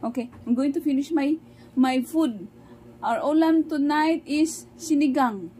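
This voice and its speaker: A woman's voice: sits high, slow, warm tone, a little hiss or hum. A young mother with a Visayan accent vlogging casually from her home kitchen, chatting to the camera and slipping into sing-song baby talk with her children.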